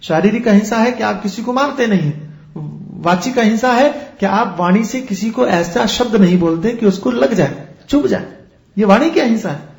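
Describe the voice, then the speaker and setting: A man's voice: sits high, expressive, moderate pace, gravelly, reverberant. A man who is a spiritual teacher, giving a discourse and explaining with everyday examples and rhetorical questions.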